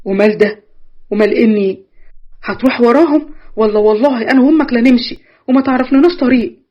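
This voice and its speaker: A woman voicing a nosy, impatient older aunt playing matchmaker, talking briskly and bossily with an Egyptian accent. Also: on the high side, highs cut off, lightly acted. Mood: urgent. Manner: brisk, bossy and rapid-fire.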